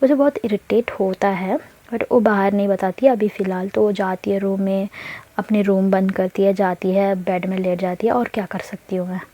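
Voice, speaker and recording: A woman's voice: mid-range voice, fairly even intonation, normal speed, dark tone. A woman casually telling a serialized story, chatting and explaining the characters' motives. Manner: chatty, mixes English words, explains motives.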